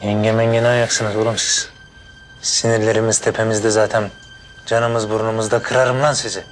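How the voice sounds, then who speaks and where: An actor playing a hot-tempered young man who insists he is calm while he threatens people, in a TV drama. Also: fairly low pitch, normal speed, natural voice. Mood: blustering. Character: short-fused young man, blustering tough. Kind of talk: TV drama acting. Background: background music.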